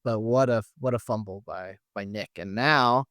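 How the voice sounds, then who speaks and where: A man's voice: lowish voice, normal speed, fairly bright tone, no room sound, clean studio sound. A man co-hosting a podcast, leading a casual recap chat and often restarting his phrases. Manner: leads the discussion, restarts phrases. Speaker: podcast co-host.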